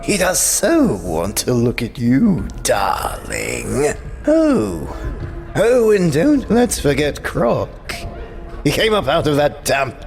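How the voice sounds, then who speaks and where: Sadistic clown villain, slow and drawn-out, gravel in the throat, taunting and theatrical, for a comic-book audio drama. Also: male voice, mid-range voice, exaggerated voice. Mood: sweetly menacing. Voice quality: gravelly, cackling.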